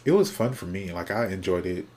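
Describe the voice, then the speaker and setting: A man hosting his own podcast alone, chatting casually and sassily from topic to topic, sounding sleepy and yawning, often trailing off into quiet mumbles. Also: low voice, lively intonation, brisk. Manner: chatty, sassy, drifting between topics. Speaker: podcast host. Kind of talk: casual solo podcast chat.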